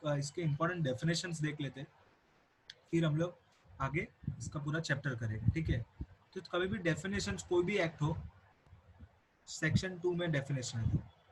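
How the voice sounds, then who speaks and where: A young male teacher with an Indian English accent explains a law to students in a recorded lecture, repeating key points often and mixing English terms into his Hindi. His voice is fairly high and a bit bright. The recording is low quality, with slight background noise.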